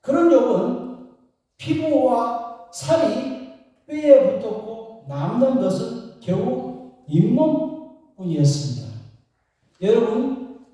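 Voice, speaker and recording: A man's voice: very high voice, big pitch swings, slow pace, long pauses, mellow, distant mic. A man preaching a sermon to his congregation, telling stories and addressing them directly. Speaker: pastor. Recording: echoey hall, voice from afar.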